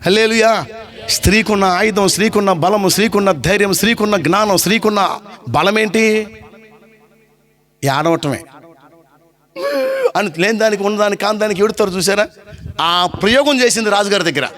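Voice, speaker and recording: Man, pastor, sermon, high pitch, acts out voices, asks the crowd questions. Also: a little fast, long pauses, a bit bright. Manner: acts out voices of story characters.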